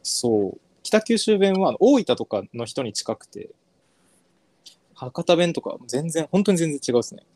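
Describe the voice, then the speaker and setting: A man from northern Kyushu, Japan, co-hosting a podcast in relaxed, chatty conversation, often trailing off and restarting. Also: fairly high pitch, measured pace, dry recording. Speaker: podcast co-host. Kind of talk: casual chat.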